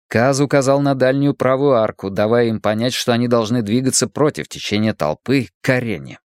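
A man narrating a fiction audiobook with steady, measured storytelling. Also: medium pitch, no echo, studio quality.

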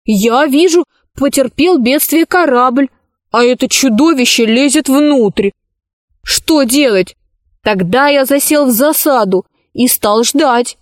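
A woman reading a children's story aloud, voicing an impulsive boy who talks eagerly and shouts. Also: high-pitched, takes it slowly, no room sound, studio quality.

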